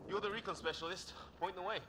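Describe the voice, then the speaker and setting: A man's voice: high voice, fairly even intonation, fast talker, natural voice. A man playing an earnest, wary young soldier in a sci-fi video game, talking informally and emphatically. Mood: earnest, concerned. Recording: noisy game battle ambience behind voice.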